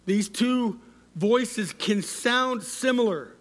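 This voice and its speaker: High-voiced male pastor, slow sermon. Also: lively intonation. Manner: interactive preaching, asks the congregation for responses; measured, repeats key words for emphasis.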